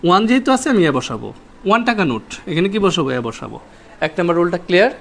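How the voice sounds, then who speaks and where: High-voiced man teaching grammar at a board. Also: very animated, racing, creaky. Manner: repeats key points and quizzes students with rhetorical questions. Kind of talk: whiteboard grammar lesson.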